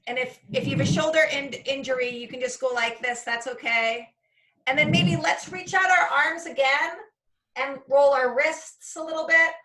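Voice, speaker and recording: A woman's voice: high voice, moderate pace, sharp tone. A woman leading a casual video-call session, upbeat and encouraging as she guides simple stretches. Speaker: activity leader.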